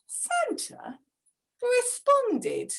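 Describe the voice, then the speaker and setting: Dramatic, slow woman storyteller. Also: very high voice, gravelly. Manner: dramatic, expressive, with gasps. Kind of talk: rhyming storybook reading.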